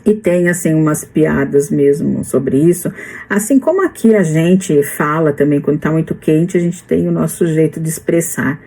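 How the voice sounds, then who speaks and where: A Brazilian woman in her fifties with a Brazilian Portuguese accent, talking slowly and hesitantly in a casual vlog, with many restarts. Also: sits low, mellow, rough recording. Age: 50s. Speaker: vlogger.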